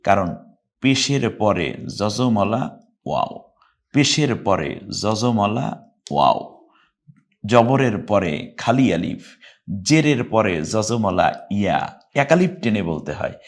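Brief: male Quran tutor, mid-pitched, methodical letter-by-letter explainer with sustained chanted examples. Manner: breaks into drawn-out, louder chanted recitation between explanations; spells syllables letter by letter and repeats them patiently. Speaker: Quran recitation teacher. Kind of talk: explaining Arabic letters and pronunciation rules in a recorded lesson.

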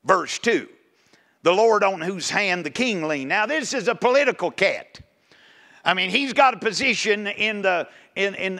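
A male preacher delivers a folksy sermon. His voice sits high and rings bright and forceful, and he swings into emphatic exhortation. He is speaking in a church sanctuary with hardly anyone in the pews. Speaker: pastor. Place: church sanctuary, nearly empty.

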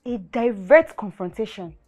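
An actress playing a playful, teasing best friend with a Nigerian accent. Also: female voice, medium pitch, expressive, a little slow, darkish tone, faint music behind. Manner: playful, cheeky.

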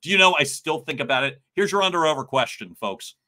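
Speaking fast into a large studio mic from a room at home, a middle-aged communication coach runs a livestream. He's loud, bright, and highly expressive, his pitch swinging widely as he jokes around with viewers.

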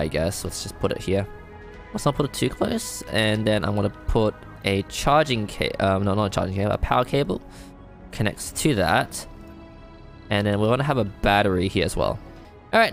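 Man, let's-play commentary, thinks aloud, excitable bursts, rough fry, soft game music underneath. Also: on the low side. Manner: thinks aloud, self-deprecating, excitable outbursts. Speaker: gamer playing a strategy game. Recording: faint game music behind.

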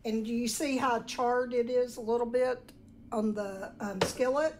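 High-voiced Southern woman, folksy home cook. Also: fairly even intonation, measured pace. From southern United States. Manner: folksy, chatty instruction. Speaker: home cook presenting recipes. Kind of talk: casual cooking tutorial. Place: home kitchen, indoors. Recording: home video with faint kitchen noise.

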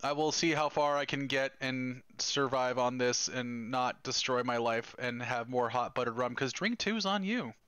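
Guy streaming a game, cusses a lot, bright sharp voice, dry close sound. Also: medium pitch, normal speed, hardly any pauses, clean tone, dry recording. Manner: profane, excitable, talks to chat. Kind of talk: casual live gameplay chat.

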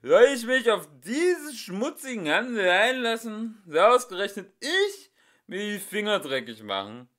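A man voicing a drunken, boastful male minstrel in a storybook reading, shouting and blustering with sloppy, slurred speech. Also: mid-range voice, animated, measured pace. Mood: dramatic. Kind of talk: audiobook character voice.

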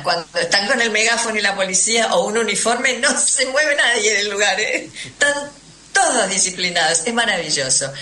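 In a sharp, mid-range voice with an Argentine Spanish accent, a woman who travels shares her experiences on a radio interview. Her manner is conversational yet emphatic, and she repeats words for emphasis. Faint noise and roomy echo come through on the recording.

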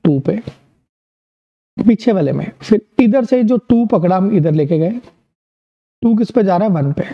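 A man's voice: sits high, expressive, a little slow, long pauses, highs cut off. Upbeat Indian male maths teacher. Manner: upbeat, encouraging, asks and answers his own questions. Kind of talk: online maths lesson.

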